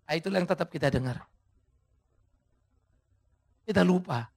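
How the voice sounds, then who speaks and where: A male pastor preaching an emphatic sermon, his voice swinging from hushed tones to shouts. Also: on the high side, moderate pace, vocal fry, breathy edge.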